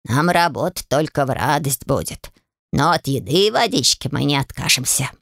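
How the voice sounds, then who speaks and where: A woman voicing timid low house-spirit brothers. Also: animated, gravelly, fairly bright tone, no room sound, studio quality, exaggerated voice. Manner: slow, hopeful and timid. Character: shy humble male house-spirit brothers.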